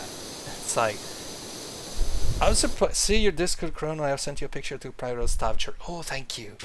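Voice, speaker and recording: A man from Italy chatting casually on a live stream, rambling with frequent restarts as he talks with viewers. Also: mid-range voice. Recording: steady hiss on the line.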